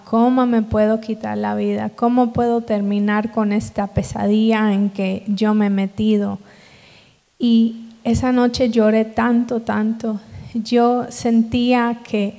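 A woman giving a personal testimony in church, speaking haltingly with frequent fillers and restarts. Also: on the high side, dark tone. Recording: church hall reverb.

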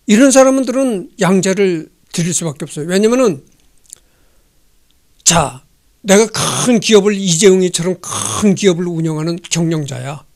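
Chatty older man lecturing, higher voice. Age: 60s. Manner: chatty, digressive, asks rhetorical questions. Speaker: history channel host. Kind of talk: casual lecture reading and commenting on a text. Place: indoor home studio. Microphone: handheld microphone.

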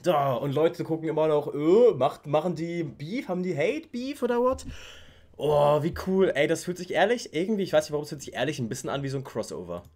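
Animated young man reacting to music. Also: on the high side, fairly quick. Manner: excitable, gushing, slangy. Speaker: reaction video host. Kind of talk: casual music reaction commentary. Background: faint hip hop track playing.

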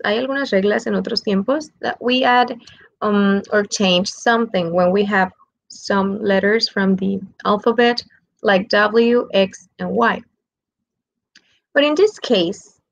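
Creaky-voiced woman teaching English grammar. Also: medium pitch, rough recording. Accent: Mexican Spanish. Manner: explains slowly, repeats examples, checks with "ok?". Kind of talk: bilingual grammar lesson.

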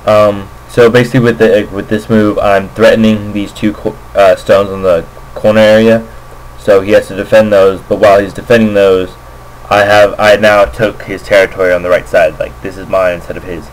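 A man with a lowish, level voice speaks at a normal speed, offering casual game commentary off the cuff and hesitating while he thinks. He's an amateur Go player narrating a screen recording indoors at a computer. Recorded on a makeshift microphone, the audio is poor with slight background noise.

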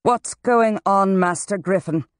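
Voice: mid-range voice, big pitch swings, darkish tone, breathy edge, dry recording, clean studio sound. A narrator voicing a commanding wizard dean woman. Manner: brisk, commanding. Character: commanding gray-haired female dean of wizards.

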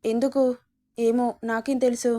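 A caring young husband, read by a woman narrator, speaks patiently with a teasing edge. The voice stays mellow and fairly high, in a storybook reading. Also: flat delivery, normal speed, lightly acted.

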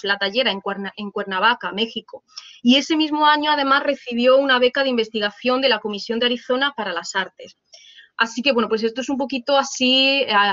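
Bright-voiced woman with a Spain accent. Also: a little high, no room sound. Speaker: host introducing a guest lecturer. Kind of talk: informal spoken introduction. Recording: dull, lo-fi video-call audio.

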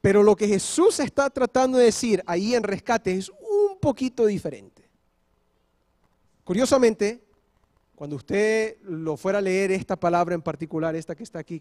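High-voiced pastor preaching a sermon. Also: male voice, animated, normal speed, a little mellow. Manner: explains step by step, often checking in with "¿ok?"; switches briefly into English. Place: church.

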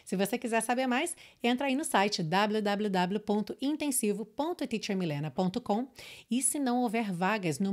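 A woman from Brazil, an English teacher, who explains pronunciation step by step and repeats lines slowly and clearly. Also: medium pitch. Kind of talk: online English lesson with course promotion.

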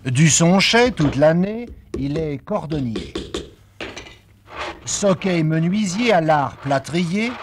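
A man's voice: a little high, animated, takes it slowly, background noise. A man narrating a television documentary report in a lyrical, playful, polished manner.

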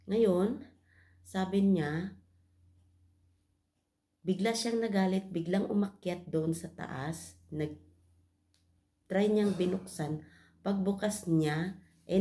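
A woman's voice: mid-range voice, creaky, warm tone. A woman from the Philippines, a vlogger telling a personal story to her viewers in a confiding way, often calling them guys.

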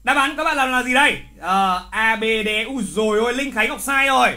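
In a live online review before an exam, a male literature teacher with an extremely high pitch speaks a little fast. Lively and teasing, he repeats key words and exclaims in reproach whenever an answer is wrong.

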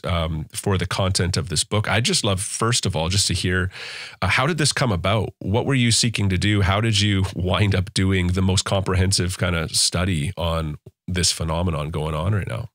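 A man from western Canada hosting a podcast, chatty and quick to laugh in a casual interview. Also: sits low, a bit bright, no echo, clean studio sound. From Canada, Pacific Northwest. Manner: chatty, laughs easily, many fillers. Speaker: podcast host.

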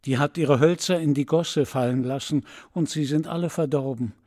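A man voicing a gentle, sorrowful prince statue in an audiobook fairy tale, speaking softly and tenderly. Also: normal speed, lightly acted. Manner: soft, low and tender.

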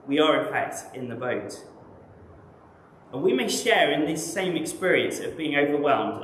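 A man with an English accent preaching a sermon in a measured, reflective way, often posing rhetorical questions. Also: a little high, reverberant, a little hiss or hum, rough recording. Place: church.

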